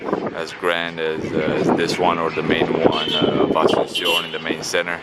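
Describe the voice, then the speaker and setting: Very deep-voiced man vlogging on a street. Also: completely flat delivery, normal speed. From Romania. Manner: rambling, many fillers and restarts. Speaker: travel vlogger. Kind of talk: casual travel vlog talk. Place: outdoors on a town street. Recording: loud street noise outdoors. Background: street traffic and town noise.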